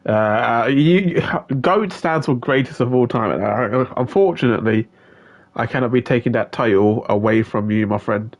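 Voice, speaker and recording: Male race commentator, mid pitch, chatty, greets the chat by name, lots of ums and uhs. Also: normal speed, lo-fi sound. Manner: chatty, greets viewers by name, filler-heavy. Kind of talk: live sim-racing stream commentary.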